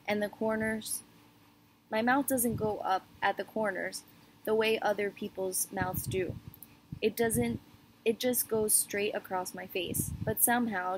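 A woman reading a children's novel aloud in an even, unhurried first-person voice. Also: medium pitch, noisy background. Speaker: audiobook reader.

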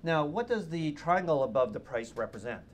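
A male student acting in a school film, playing a teasing economics teacher who lectures in a slow voice. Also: on the high side, big pitch swings. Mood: lecturing. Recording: amateur school video with faint hiss.

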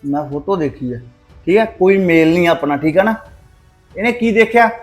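A man's voice: high-pitched, expressive, normal speed, faint music behind. An actor playing a hot-tempered young brother who harshly orders his family around to force his sister's marriage. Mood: angry. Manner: harsh, threatening, commanding. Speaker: angry brother. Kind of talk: Punjabi short-film drama.

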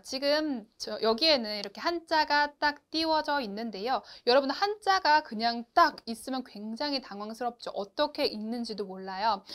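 A woman teaching a beginners' Chinese lesson, explaining clearly and asking the learners to repeat after her. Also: a little high, a bit bright. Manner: slow, clear instruction with drawn-out model syllables; addresses learners directly and asks them to repeat. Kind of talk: online lesson.

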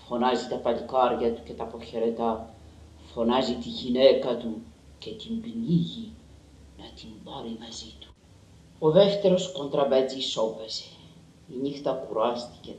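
A man giving a measured, dramatic literary reading of a story. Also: mid-range voice, a little mellow, highs cut off. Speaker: reader. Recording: roomy and distant.

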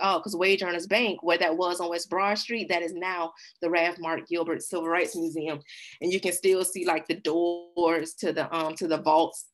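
Woman, low-ish voice, casual storytelling presenter who laughs easily. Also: fairly bright tone. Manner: conversational, laughs while telling stories. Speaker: workshop presenter. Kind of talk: casual talk with slides.

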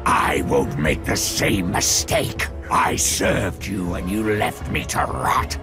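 A man voicing a stern, intense orc soldier in a video game, with a gravelly voice. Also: low voice, very animated, takes it slowly, over music, full character voice. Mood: betrayed anger.

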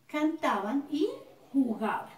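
A woman's voice: sits high, expressive, slow pace, darkish tone, distant mic. A woman teacher with a Colombian accent giving a recorded grammar lesson in a classroom, speaking patiently, repeating words and checking with her students. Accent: Colombian Spanish. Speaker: schoolteacher. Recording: echoey room, voice off-mic.

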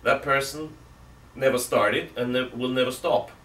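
A man's voice: medium pitch, fairly even intonation, unhurried, bright, forceful tone. A middle-aged man, a priest, giving a seated catechism talk, reasoning aloud with emphatic rhetorical questions and gesturing with both hands. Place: indoor room with armchair. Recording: roomy, distant from mic, faint hiss.

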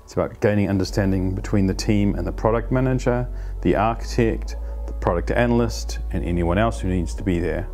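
Relaxed low-voiced man coaching on camera. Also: fairly quick, faint music behind. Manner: animated, gestures while explaining, conversational. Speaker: agile coach. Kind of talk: explanatory talk to camera. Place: plain studio against a light wall. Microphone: lapel mic.

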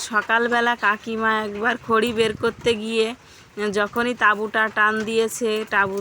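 A woman's voice: medium pitch, bright, forceful tone. A woman narrating a family vlog outdoors at her rural home, talking chattily to viewers she calls friends. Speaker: family vlogger. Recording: noisy outdoor phone recording.

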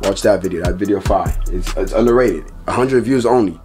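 A man's voice: sits low, brisk, music in the background. A young man reviewing a clothing haul in a casual, slangy, profane way, his voice jumping up when he gets upset. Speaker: haul vlogger.

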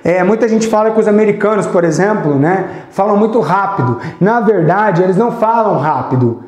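A Brazilian man teaching English on a live stream, chatty and encouraging, slowly repeating example phrases. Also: high voice, animated, darkish tone, roomy sound. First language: Portuguese. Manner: sings snippets of songs to teach. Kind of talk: live online English lesson.

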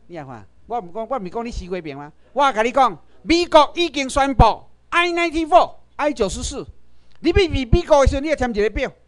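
A man's voice: very high-pitched, clean tone. A man with a Taiwanese accent gives a political lecture to a class, firing rhetorical questions and asking the audience to raise hands.

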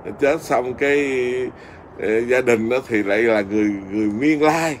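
A middle-aged Buddhist monk with a Southern Vietnamese accent, telling a story in an easy conversational way. He rambles, restarts and fills pauses as he goes, at an ordinary pitch for a man. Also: slight background noise. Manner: rambling, with many fillers and restarts.

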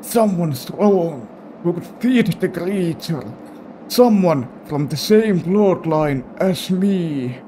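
A man voicing an old grandfather bound to a monstrous creature, speaking slowly and solemnly. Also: high voice, expressive, mellow, slight background noise. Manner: slow, solemn old-man voice reading game dialogue.

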